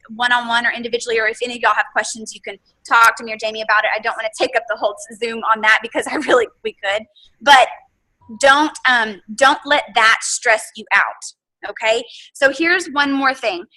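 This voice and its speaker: A young woman speaks over a video call with a high, bright, sharp voice. She coaches her team in a chatty, encouraging way. She keeps checking in with "okay?" and "y'all" as she talks.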